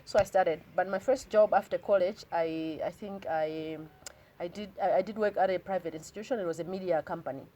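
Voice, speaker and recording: A woman's voice: fairly low pitch, steady tone, fairly quick, mellow. A woman in her thirties with a Malawian accent, talking earnestly and reflectively as an interview guest and switching languages mid-sentence. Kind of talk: casual interview conversation.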